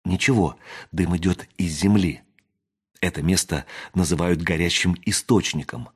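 A man reading an audiobook aloud, voicing a wary young woman who talks in a hushed whisper. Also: low-pitched, moderate pace, husky. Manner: whispering, hushed and matter-of-fact.

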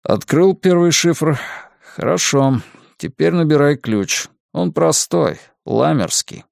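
A man's voice: on the high side, lively intonation, slow, gravelly, a little mellow, dry recording, clean studio sound, pitched above the performer's own voice, exaggerated voice. A man voicing a stern, self-controlled male hacker who speaks in an icy, clipped way. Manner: icy and clipped, flares into scolding.

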